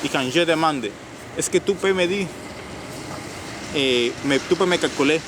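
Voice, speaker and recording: Male, high-pitched, foreign Cuban Spanish accent in French, native Spanish speaker. Emphatic repetitions, halting phrasing, casual chat over clear outdoor traffic noise. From Cuba. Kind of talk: casual street discussion. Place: outdoors in a city. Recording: noisy outdoor urban street with traffic.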